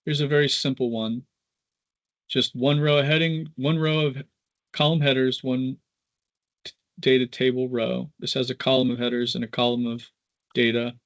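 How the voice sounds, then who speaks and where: A man instructor giving a casual live software tutorial, informal and halting as he thinks aloud. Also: medium pitch, level tone, dull audio.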